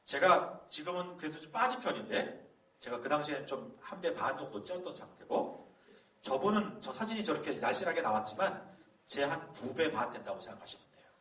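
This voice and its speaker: A middle-aged man, a pastor, telling a story to a youth leaders' camp in a lively, storytelling way. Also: a little high, a little fast. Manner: animated storytelling, acting out quoted voices. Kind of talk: sermon-style talk at a youth leaders' camp. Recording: roomy hall from a distance, faint background noise.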